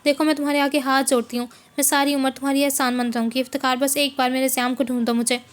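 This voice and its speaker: A woman's voice: sits high, level tone, quick pace, natural voice. A woman voicing a desperate young mother who pleads for help to find her lost son. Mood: grieving. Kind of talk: novel reading.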